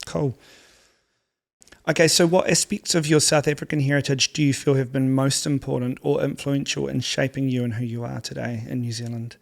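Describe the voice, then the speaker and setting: A man's voice: medium pitch, little pitch movement, moderate pace, creaky. A man hosting a podcast interview, easygoing and supportive, laughing often. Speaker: podcast host. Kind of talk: casual interview chat.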